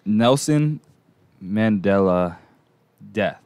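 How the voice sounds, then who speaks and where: A man's voice: fairly low pitch, animated, very slow, darkish tone, smooth, dry recording. A young man hosting a casual podcast chat, rambling and unsure, with lots of fillers. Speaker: podcast host.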